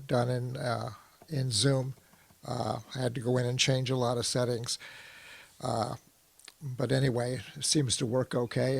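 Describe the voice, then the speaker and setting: A man on a video call chatting casually before he plays a song, rambling with many pauses and fillers. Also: medium pitch, vocal fry, no room sound. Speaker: club member, singer and guitarist.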